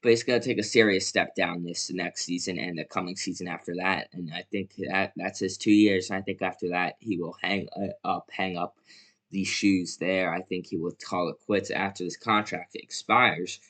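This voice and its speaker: Bright-voiced young man rambling about basketball. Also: sits low, steady tone, normal speed. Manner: rambling, self-correcting, lots of fillers. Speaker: basketball commentator. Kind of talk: casual solo sports commentary.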